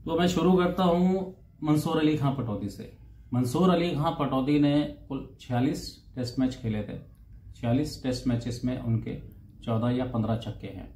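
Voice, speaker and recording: Mellow-voiced man reciting cricket stats. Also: mid-range voice, slight background noise. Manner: reads out figures, repeating numbers in Hindi and English; unhurried, with hesitations over names and numbers. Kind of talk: casual talk. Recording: roomy echo with faint ambience.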